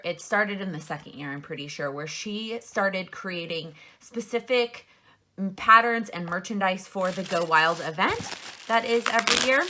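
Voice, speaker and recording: A woman's voice: medium pitch, bright, forceful tone. An American woman talking casually to her vlog audience in an informal, rambling way, often correcting herself as she goes. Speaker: vlogger. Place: indoors at home.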